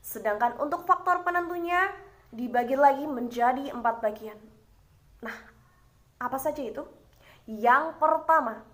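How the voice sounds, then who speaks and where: High-voiced young woman explaining a lesson. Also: fairly bright tone. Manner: explanatory, frequent rhetorical questions and "nah" fillers. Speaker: university student presenting. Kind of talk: explaining course material.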